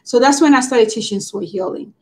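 A woman's voice: on the high side, a little fast, warm tone. A middle-aged woman from Tanzania, a teacher, answering interview questions over a video call in a friendly, easygoing way. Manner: friendly, easy laughs, many you-knows. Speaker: guest, teacher.

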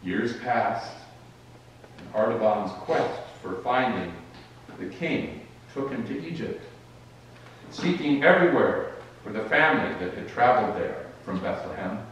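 A man reading a story aloud in a worship service, measured and expressive, with brief restarts. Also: fairly low pitch, a little hiss or hum. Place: rural church sanctuary. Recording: echoey church from a distance.

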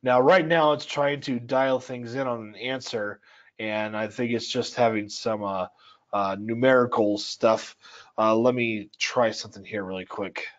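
A software trainer walks through a screen-share tutorial at an unhurried, relaxed pace, explaining conversationally and dropping in lots of "uh"s and "okay?"s. His middle-pitched voice is dry and slightly scratchy. Recorded in a home or office at altitude, the audio sounds a little dull, like a webinar.

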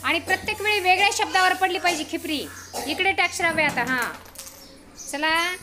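A woman teacher running a reading game with young pupils, giving brisk directions and frequent praise. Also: very high voice, bright, forceful tone, faint music behind. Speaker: primary school teacher. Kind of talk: classroom reading game instruction. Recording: noisy outdoor recording.

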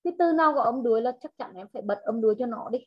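A woman English teacher in an online class, slowly modelling words, repeating them and correcting her students' pronunciation. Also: a little high, expressive, highs cut off. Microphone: video call.

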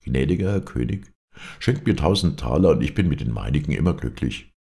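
A man's voice: a bass voice, lively intonation, brisk, gravelly, full character voice. A man voicing a sly, cranky philosopher who scolds the foolish townsfolk. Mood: flattering. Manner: scornful, sharp-tongued.

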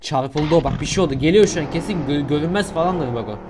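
A young man giving casual, slangy commentary over a mobile shooter game, getting loud and excited in tense moments. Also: on the high side, fast, background noise. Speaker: gaming YouTuber.

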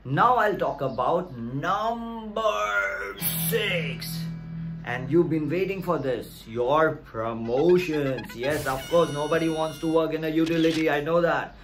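In a small, plain indoor room, a man gives career advice in a to-camera explainer vlog, with music playing behind him. His voice is on the high side and he speaks slowly, being emphatic, repetitive and direct with viewers.

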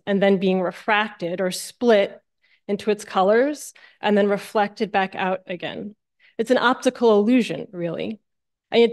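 A middle-aged American woman from New Jersey, a guest speaker at a church, delivers a sermon woven with personal stories from the lectern. Her voice is mid-range and a little mellow.

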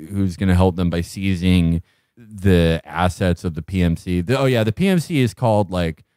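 Sardonic low-voiced man rambling a recap. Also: normal speed, mellow, no room sound, studio quality. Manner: rambling, sardonic, laughs mid-sentence. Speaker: podcast co-host. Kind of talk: comedic show recap.

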